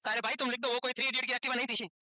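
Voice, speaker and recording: Male nursing teacher, high bright voice, quick, teasing and chatty in class. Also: level tone, no room sound. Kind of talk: classroom lecture with joking asides.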